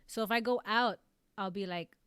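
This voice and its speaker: A woman from South Texas with a Mexican-American Texan accent streams casually, reading viewer comments and rambling with lots of "like" and "um." Her voice is medium-pitched, a bit bright, and smooth at a normal pace, in a dry, studio-quality recording.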